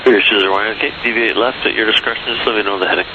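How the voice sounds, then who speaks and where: Fast-talking male air traffic controller, loud radio hiss. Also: fairly low pitch, fairly even intonation, highs cut off. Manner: brisk, procedural, clipped phrases. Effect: radio transmission.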